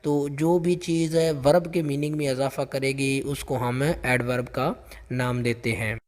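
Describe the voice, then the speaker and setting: A man teaching English grammar for a job test, explaining each answer with lots of repetition and reading the English sample sentences out slowly. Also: mid-range voice, flat delivery, in a large hall. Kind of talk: explaining exam questions.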